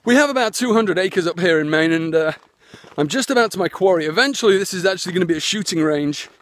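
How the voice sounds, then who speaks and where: A man's voice: high-pitched, lively intonation, fast talker, a bit bright. A man chatting in a rambling way, full of fillers and restarts, while live-streaming on his phone outdoors on a walk. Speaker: internet marketer. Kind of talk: live-streamed walking vlog. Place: outdoors, walking his land.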